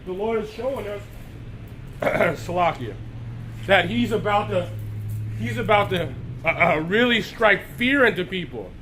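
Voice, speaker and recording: Still hoarse from being sick, a high-pitched Texan preacher streams a live sermon, expressive and a little slow, with frequent pauses and a pushed, bright tone. He keeps clearing his throat and greets viewers by name over a faint hiss on a rough recording.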